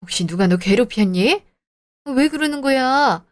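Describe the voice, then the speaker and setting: A woman voicing a gentle middle-aged mother who speaks softly and with concern, in an audio drama. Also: high-pitched, animated, measured pace.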